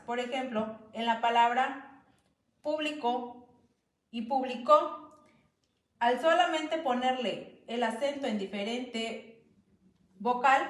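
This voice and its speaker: A woman explaining a lesson slowly and carefully, stressing the example sounds. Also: a little high, reverberant. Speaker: student presenter. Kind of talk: educational explanation.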